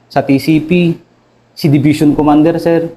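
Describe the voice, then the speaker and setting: A Filipino army officer with a Filipino accent, recounting combat in an interview, deferential and halting, adding "sir" to nearly every phrase. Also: male voice, on the high side, level tone, warm tone, rough recording. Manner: deferential, says "sir" constantly, halting with many fillers. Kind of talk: interview storytelling.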